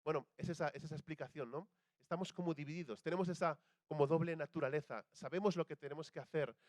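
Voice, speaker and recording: A man's voice: a little high, no room sound. A young man with a Spanish accent from Spain, preaching a sermon in a chatty way and putting questions to the congregation. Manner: conversational, asks the audience questions, acts out quoted voices.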